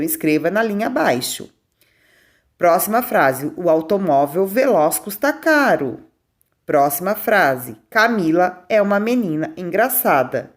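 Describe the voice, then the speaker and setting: A woman teacher, reading out a school test slowly and clearly to young pupils and asking them questions. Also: lowish voice. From Brazil. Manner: slow, clear dictation with questions to the class.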